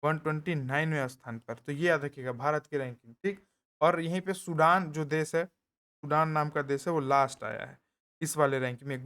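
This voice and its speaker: A man with an eastern Uttar Pradesh accent teaches an exam-prep lesson in casual Hindi, speaking softly so he won't wake others nearby. He repeats key points and tosses in jokey asides, his slightly high voice clean in tone.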